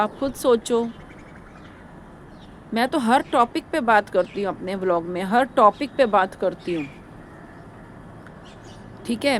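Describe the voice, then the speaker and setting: A woman's voice: mid-range voice, slight background noise. A woman vlogger giving her opinions in a casual, rambling way, repeating herself and lecturing her viewers. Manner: rambling, repetitive, preachy.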